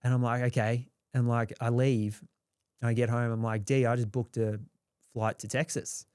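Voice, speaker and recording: A man's voice: mid-range voice, flat delivery, moderate pace, a little mellow, clean tone, no echo, studio quality. A young Australian man telling his story in a candid, rambling way, swearing freely and acting out quotes. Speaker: guest.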